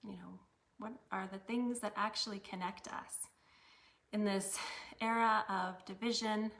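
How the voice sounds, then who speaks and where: A woman, possibly in her thirties, hosting a weekly live series from home, a bit out of breath and talking in a relaxed, chatty way with soft laughs. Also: medium pitch. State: a little out of breath. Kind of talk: casual live-stream talk.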